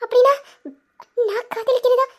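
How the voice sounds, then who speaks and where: A woman's voice: very high-pitched, level tone, normal speed, a little mellow. A woman voicing a cheerful young woman who laughs as she soothes her worried elder sister. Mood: puzzled. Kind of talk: Tamil audio story acting.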